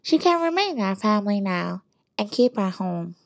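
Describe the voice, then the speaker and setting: A woman voicing a smug older family matriarch with a nasal voice, speaking loudly. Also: medium pitch, very animated, moderate pace, creaky, no echo, studio quality, pitched above the performer's own voice.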